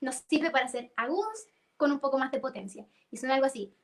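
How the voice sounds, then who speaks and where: A young woman leads a singing workshop. Her voice sits high, and she explains things patiently, breaking into sung notes to show each vocal register. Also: lively intonation, quick pace. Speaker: singing teacher.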